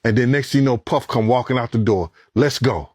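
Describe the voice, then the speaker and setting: A man's voice: fairly quick, slight background noise. A man who was once a bodyguard, telling a story in an interview with street slang and acting out what people said. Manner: street slang, acts out quoted lines; grows louder and higher in tense moments. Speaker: former bodyguard.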